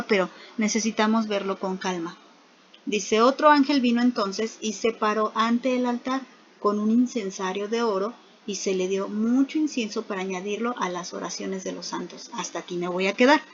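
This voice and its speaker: A woman's voice: mid-range voice, a bit bright, slight background noise. A woman teaching a Bible study, speaking patiently and repeating words for emphasis. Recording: muffled lo-fi recording.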